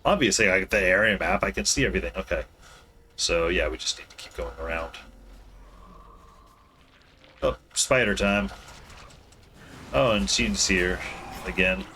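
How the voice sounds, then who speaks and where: A man's voice: low voice, normal speed, bright, forceful tone, a little hiss or hum. A man streaming a video game from home, rambling casually and correcting himself as he plays. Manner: rambling, mumbling, self-correcting. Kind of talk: casual gameplay commentary.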